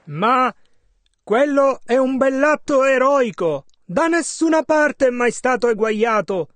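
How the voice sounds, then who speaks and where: A man interpreting a sermon, measured and following the preacher's emphasis. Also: very high-pitched, lively intonation, fairly bright tone, dry recording.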